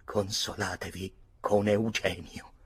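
A man's voice: mid-range voice, animated, normal speed, darkish tone, husky, voice pushed up. A man playing a wounded young nobleman who answers with weary mockery. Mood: sneering. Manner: mocking, sardonic.

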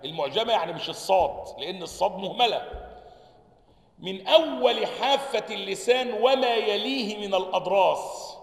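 A man's voice: sits high, lively intonation, moderate pace, vocal fry. A man with an Egyptian accent teaching a lesson on the articulation of Arabic letters, reading from a text, sounding out the letters and checking often that his students follow. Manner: checks understanding with repeated questions; demonstrates letter sounds aloud. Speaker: sheikh teaching Quran sciences. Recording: echoey hall reverb.

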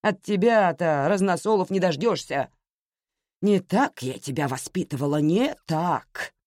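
Woman reading as an older mother, scolding, reproachful, lamenting, lively pitch, dry close sound. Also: a little slow, no echo. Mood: self-satisfied.

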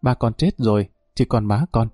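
A man doing a calm, polite young sergeant. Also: mid-range voice, moderate pace, no room sound, clean studio sound, soft background music, natural voice. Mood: restrained. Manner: quiet, polite, restrained.

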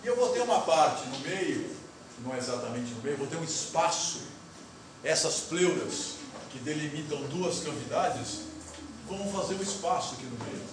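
A male lecturer talks a class through a lesson, pausing to put questions to the students as he draws. He is caught from the back of a big, echoing lecture hall. A steady hiss of noise sits under his voice. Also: fairly high pitch, recorded from a distance. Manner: explains step by step while drawing on the board, asks the class questions. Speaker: university lecturer. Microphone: recorder far off in the room. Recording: echoey hall recorded from afar, noisy.

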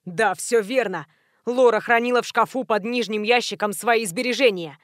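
A woman reading the part of an indignant middle-aged male boss who yells and shrieks. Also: normal speed, no echo, clean studio sound, close to an everyday voice. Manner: yelling, shrill outbursts.

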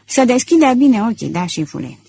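A woman voicing a loyal, deferential male customs guard reporting to his boss, with a husky voice. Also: on the high side, big pitch swings, mellow, pitched above the performer's own voice, exaggerated voice. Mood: dutiful. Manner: respectful, matter-of-fact reporting.

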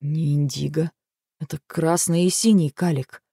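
A woman voicing an intense male warrior lover in an audiobook, speaking in a low, even manner. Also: unhurried, vocal fry, breathy edge, no room sound, studio quality, exaggerated voice.

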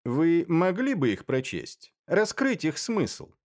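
A man's voice: a little high, very animated, slow, darkish tone, voice pushed up. A man voicing a cold, curt official. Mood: demanding. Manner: curt and demanding. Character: cold, brusque older male government official. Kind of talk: audiobook character voice.

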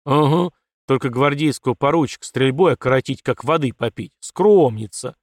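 Brief: male reader as an old gruff colonel, growly grumbling father, dry studio audiobook. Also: fairly high pitch, big pitch swings, a little fast, no echo, voice pushed up. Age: older. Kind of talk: audiobook character voice.

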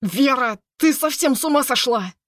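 A woman's voice: high voice, expressive, measured pace, no room sound, voice pushed up. A woman voicing a menacing man, a smug captor from an audiobook who barks his demands. The voice sits a little above her own and stays on a dry, close reading. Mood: shouting. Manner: barking, forceful.

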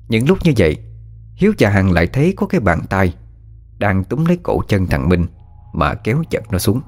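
Male storyteller, low register with animated pitch, dramatic ghost-story narration. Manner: dramatic, hushed suspense. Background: faint music.

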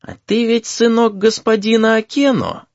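A man voicing a short, sturdy old sorcerer who teaches apprentices and answers slowly and curiously. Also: sits high, no echo, lo-fi sound, pitched above the performer's own voice. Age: over 60.

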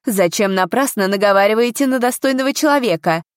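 A woman's voice: a little high, animated, a little fast, no room sound, studio quality, voice pushed up, close to an everyday voice. Woman putting on an outraged elderly lady. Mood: indignant. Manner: exclaiming, outraged. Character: indignant elderly lady with an umbrella.

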